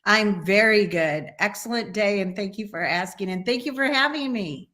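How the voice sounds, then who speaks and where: A woman's voice: mid-range voice, normal speed, a bit bright. Earnest woman business owner, interview guest. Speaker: travel agency owner, guest. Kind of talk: casual video interview.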